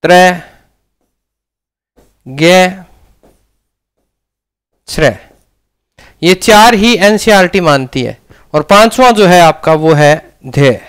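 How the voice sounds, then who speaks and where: A man's voice: high voice, expressive, unhurried, smooth. A man with a Rajasthani Hindi accent teaching a grammar lesson, often asking questions and answering them himself.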